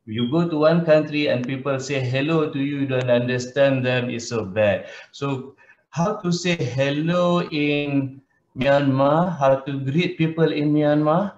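A man's voice: a little high, darkish tone, a little hiss or hum. A man giving an interactive online lecture, often repeating words and putting questions to the class. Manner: hesitant pauses, repeats words and asks questions. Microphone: webcam video call. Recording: roomy, dull video-call audio.

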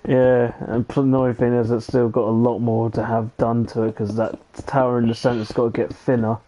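A man's voice: mid-range voice, little pitch movement, moderate pace, mellow, a little hiss or hum. A man streaming a game with a friend, chatting casually and chuckling as he thinks aloud. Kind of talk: casual gaming chat. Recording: dull lo-fi stream audio.

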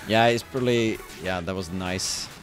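A man casting a fighting game tournament in a relaxed, chatty way, with many fillers and frequent chuckles. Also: low-pitched, normal speed. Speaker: esports caster. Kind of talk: casual game commentary. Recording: music playing behind.

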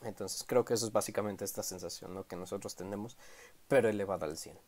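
A man's voice: fairly low pitch, fast, darkish tone. A man casually reviewing a manga chapter, rambling, stammering and correcting himself.

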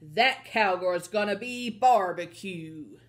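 A woman voicing a big, mean giant man who chants in a slow, loud, booming voice. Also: close to an everyday voice. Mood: bellowing.

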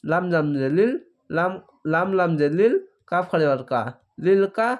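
A man's voice: high-pitched, animated, muffled recording. A man with a Bangladeshi Bengali accent teaching Quran reading, spelling out each letter and vowel mark aloud, then blending the syllables. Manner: recites verses in a slow drawn-out chant. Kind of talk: slow spelling-out recitation lesson.

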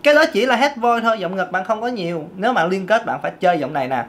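A woman's voice: medium pitch, expressive, quick pace, slight background noise. A woman, a vocal coach giving a casual singing lesson and breaking off to demonstrate vocal sounds.

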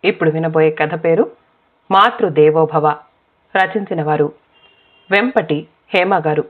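A woman narrating a story as the channel's storyteller, in a calm, even reading voice. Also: sits low, a little slow. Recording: tinny phone-like sound.

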